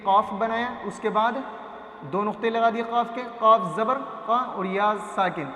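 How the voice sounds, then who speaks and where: A man teaching a reading lesson at a board, patient, sounding out letters slowly and often checking understanding. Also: sits high, steady tone, sharp tone, highs cut off. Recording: echoey room with long reverb.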